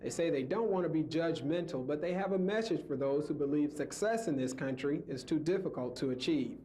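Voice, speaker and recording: A man's voice: fairly high pitch, fairly quick, dark tone. A man narrating a scripted television news story as a reporter. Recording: faint background ambience.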